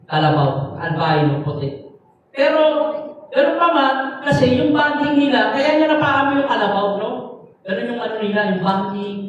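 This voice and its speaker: A man's voice: very high voice, a bit bright. A man giving a sermon as a lay preacher, telling a story in a loose, conversational way with frequent tag questions and fillers. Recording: echoey hall, mic far off, faint noise.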